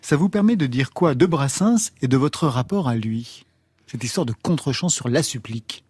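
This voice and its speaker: A man hosts a radio interview, prompting his guest with easy questions. His voice is a bit breathy and sounds dry and close. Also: mid-range voice, lively intonation, moderate pace, a little mellow, dry recording. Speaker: radio host.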